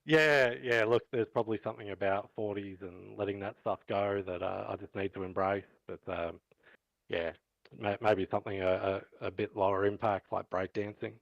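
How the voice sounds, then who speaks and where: A man in his forties giving a measured, thankful post-race interview as a driver. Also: lowish voice, fairly even intonation, gravelly, no echo, muffled recording. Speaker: sim racing driver.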